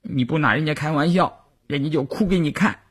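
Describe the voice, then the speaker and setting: A man voicing a cheerful teenage girl soldier who is quick to cry, in a high, pouting, tearful voice for an audiobook. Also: fairly bright tone, breathy edge. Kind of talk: audiobook character voice.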